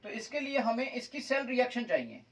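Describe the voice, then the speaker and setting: A man's voice: extremely high pitch, very animated, a little fast, a bit bright, far from the mic, low-quality recording. A male chemistry teacher lecturing at a board, mixing Hindi with English terms and calling his students "beta". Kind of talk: whiteboard lecture. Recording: voice from away from the mic.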